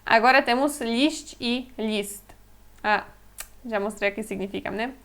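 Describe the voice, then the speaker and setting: A woman whose first language is Polish teaches vocabulary in a patient lesson, spelling words out and repeating them. Her voice sits a little high. She speaks slowly and deliberately. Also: fairly bright tone. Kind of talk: slow explanatory lesson.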